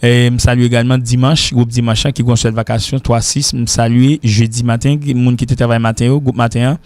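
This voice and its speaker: A man with a Haitian accent teaching an informal English lesson, who repeats words slowly to drill their pronunciation. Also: medium pitch, little pitch movement, darkish tone, dry recording. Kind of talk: informal lesson mixing French and Creole.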